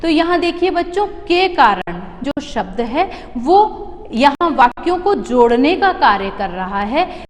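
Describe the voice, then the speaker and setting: High-voiced woman teaching grammar slowly. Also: big-room sound. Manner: slow, word-by-word dictation of example sentences; repeats phrases and asks the class questions. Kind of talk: grammar lesson for children.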